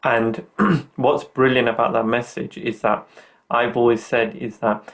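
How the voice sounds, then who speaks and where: A man's voice: mid-range voice, fairly even intonation, a little slow, fairly bright tone. Upbeat middle-aged male podcast host. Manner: upbeat, earnest, motivational. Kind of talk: motivational podcast chat.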